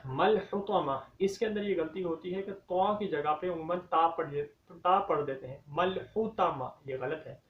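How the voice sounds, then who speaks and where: A man teaching Quran recitation, explaining common mistakes and reciting verses slowly and drawn out. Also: a little high. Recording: dull, echoey, from a distance.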